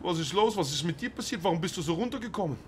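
A man's voice: sits high, lively intonation, very fast, slight background noise. A man doing a brash old Dutch father. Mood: bossy. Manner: loud, bossy, keeps tagging lines with "Junge". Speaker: roleplay streamer. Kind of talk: game role-play.

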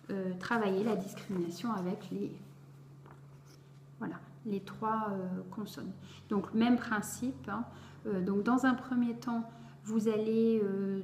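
A woman's voice: medium pitch, dark tone. Hesitant woman explaining a reading method. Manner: hesitant, full of fillers and restarts. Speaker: reading tutor. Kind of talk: instructional explanation to parents. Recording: echoey room with faint background noise.

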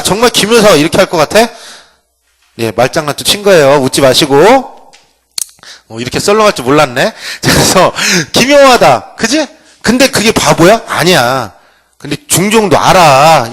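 Male lecturer, playful and joking, higher voice, very animated pitch. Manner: playful, acts out quotes. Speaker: history lecturer. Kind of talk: humorous classroom lecture. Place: lecture room.

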